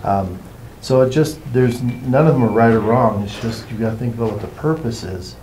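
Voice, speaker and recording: A man leading a workshop, explaining things to a group in an informal, meandering and unhurried way. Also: medium pitch, mellow, a little hiss or hum, low-quality recording. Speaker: workshop facilitator.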